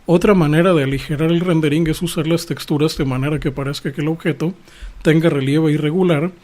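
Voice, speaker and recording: A man with a somewhat higher voice hosts a podcast and reads a prepared monologue. He explains things in a lecturing tone and talks directly to his listeners. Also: steady tone, brisk, a little mellow. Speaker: podcast host.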